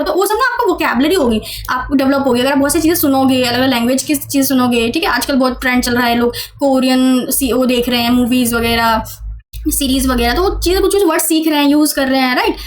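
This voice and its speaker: A woman's voice: sits high, slight background noise. A woman teaching an exam-prep lesson in a casual, chatty way, often checking in with the listener and asking questions. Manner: chatty, repeats "theek hai" often, asks the viewer questions.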